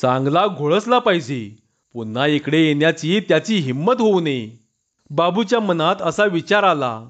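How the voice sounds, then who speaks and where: A man telling a story aloud in a calm, evenly paced storytelling manner. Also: fairly high pitch, normal speed. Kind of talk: Marathi story reading (kathakathan). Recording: dull lo-fi recording.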